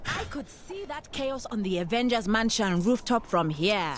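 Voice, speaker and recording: A woman's voice: fairly high pitch, sing-song, moderate pace, heavy background noise. A woman playing a chatty, opinionated city bystander in a video game. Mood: incredulous.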